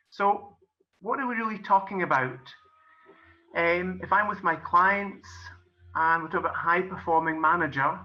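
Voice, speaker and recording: This middle-aged Scottish man, a golf and business coach, has a bright, forceful voice on the high side. He gives a friendly, explanatory webinar presentation full of "kind of"s and "um"s, heard through muffled lo-fi audio.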